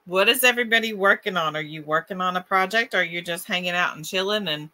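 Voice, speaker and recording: A woman's voice: lowish voice, fast, bright, forceful tone. A woman with a West Virginia Appalachian accent, chatting casually and folksily as she co-hosts a livestream and reads out comments. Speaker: crochet livestream co-host. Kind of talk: casual chat, reading viewer comments. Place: room at home, on a video call. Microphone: webcam or computer mic on a video call.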